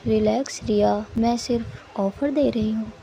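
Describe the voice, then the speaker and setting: A woman voicing a calm, teasing young woman rival on the phone, soft and unhurried. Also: a little high, gravelly, noisy background, pitched below the performer's own voice. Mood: cool teasing.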